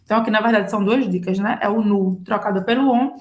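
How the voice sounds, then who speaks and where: A woman's voice: medium pitch, fast talker, a little mellow, echoey room. A Brazilian woman with a Brazilian Portuguese accent, teaching French in a casual online lesson and explaining patiently, checking in with her listeners as she goes. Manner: explains patiently, checks in with "tá?", acts out little dialogues.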